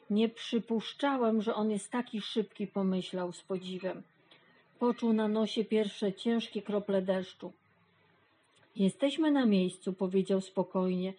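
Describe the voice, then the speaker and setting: Calm woman storybook reader, dark husky tone, slow gentle delivery. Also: mid-range voice, rough recording. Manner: gentle, unhurried, softly voicing the animals. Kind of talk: children's storybook reading.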